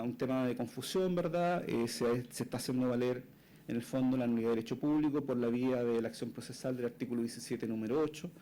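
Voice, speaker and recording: A man, a lawyer making a formal oral argument before a court, measured, often tagging his phrases with a questioning "right?". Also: mid-range voice, warm tone, poor audio.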